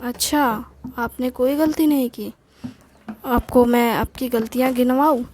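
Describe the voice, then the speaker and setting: A woman voicing a scolding, sharp-tongued older wife. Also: fairly high pitch, fairly even intonation, a little slow, a little hiss or hum, lightly acted. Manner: scolding, curt. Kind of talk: storytelling with acted dialogue.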